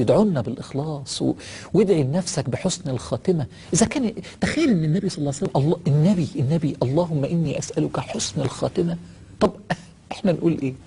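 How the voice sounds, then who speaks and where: A male preacher with an Egyptian Arabic accent, giving an emotional storytelling sermon that swings between hushed and exclaiming. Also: medium pitch, breathy edge.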